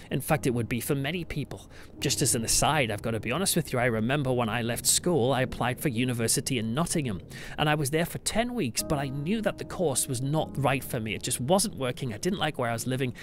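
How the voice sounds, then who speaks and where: The narrator is a British man, both podcast host and church pastor, whose medium-pitched voice has a fairly bright tone. Music runs underneath as he tells a story with emphatic phrasing, weaving conversational asides into a scripted, reflective review.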